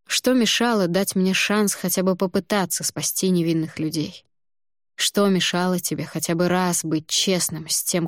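A woman voicing a proud, bitter man whose letter reproaches an old mentor, in audiobook narration with cold, measured phrasing. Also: lowish voice, dry recording, clean studio sound, natural voice.

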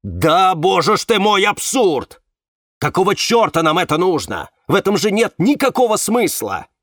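Audiobook: reader playing a soothing but strained man, raised pitch, very animated. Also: a little slow, dry recording, studio quality. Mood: indignant. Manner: soothing, persuasive, tense. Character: calm, placating man trying to control the group.

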